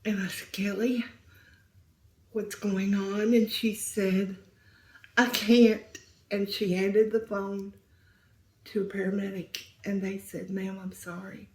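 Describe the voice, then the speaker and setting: A middle-aged woman telling a painful story as an interview guest, speaking softly and sometimes near a whisper. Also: medium pitch, little pitch movement, slow. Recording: roomy echo.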